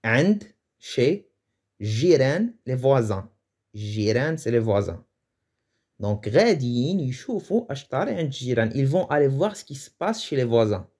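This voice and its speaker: A man's voice: mid-range voice, big pitch swings, fast, darkish tone, slightly rough. Man teaching, hesitant and chatty. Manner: hesitant, thinks aloud with restarts and chuckles. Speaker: Moroccan Arabic teacher. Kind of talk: casual explanatory lesson.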